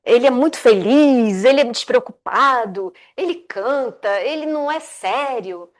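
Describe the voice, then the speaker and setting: A woman's voice: a little high, lively intonation, measured pace. A woman voicing a worried mother who frets over her daughter's suitor, speaking in a fretful, pleading way.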